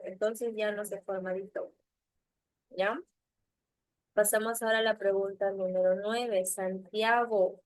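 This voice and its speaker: Young woman teacher, unhurried, patient, dry close sound, video-call mic, checks in with students constantly. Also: a little high, no echo, rough recording. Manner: patient, checks understanding with frequent tag questions. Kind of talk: online class lesson. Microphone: computer mic on a video call.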